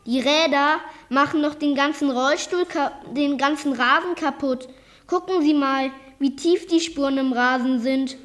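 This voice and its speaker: Lady doing a clever kid talking back, sly and cool, kinda high. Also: lively intonation, normal speed, natural voice. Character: cheeky clever boy, gang leader.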